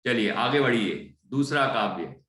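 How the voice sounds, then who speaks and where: A man leads a class, patiently correcting pronunciation and repeating each syllable. His voice is bright and he speaks slowly, sounding in an echoey room. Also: mid-range voice, expressive. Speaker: Sanskrit recitation teacher.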